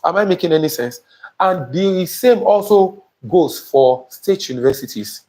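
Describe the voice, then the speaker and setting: In an indoor studio with a printed banner behind him, a young Nigerian-accented admissions tutor teaches a live stream through a small lapel mic. His voice is high, expressive, unhurried, and mellow, and he emphatically asks viewers again and again whether he makes sense.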